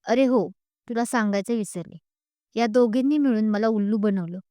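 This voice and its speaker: A playful young heroine in an audio story who teases her friend with a smile in her voice, voiced by the woman narrator. The sound is mellow and smooth, close and dry. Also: a little high, moderate pace, no echo, close to an everyday voice. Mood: teasing. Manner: teasing, laughing as she talks.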